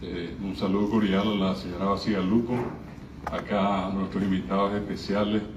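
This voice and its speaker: A man's voice: low-pitched, level tone, moderate pace. A middle-aged man gives an informal public speech at a cultural event, greeting people and often hesitating. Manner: warm greetings with frequent hesitations. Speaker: guest speaker at a cultural event. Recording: echoey room, distant mic, dull and noisy.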